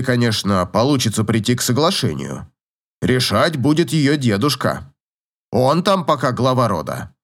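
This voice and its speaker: A man voicing a gruff, teasing old professor in an audiobook, grumbling and chuckling in a slow drawl. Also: mid-range voice, a bit bright. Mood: wry. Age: older.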